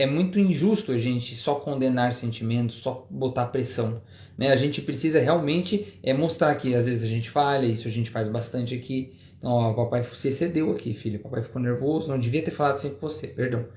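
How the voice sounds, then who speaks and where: Fast-talking man with roomy echo. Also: medium pitch, a little mellow. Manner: explanatory, many "né?" tags. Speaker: parenting show co-host, father. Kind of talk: casual couple conversation.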